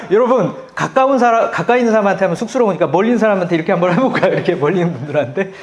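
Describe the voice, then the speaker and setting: A middle-aged man preaching a sermon, telling stories with animated, loud quoted voices. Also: high-pitched, rapid-fire. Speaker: pastor.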